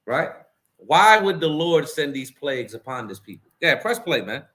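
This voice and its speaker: A man's voice: on the high side, sing-song, moderate pace, a bit bright. A man hosting a religious commentary stream, preaching and mocking the clips he has his co-host play.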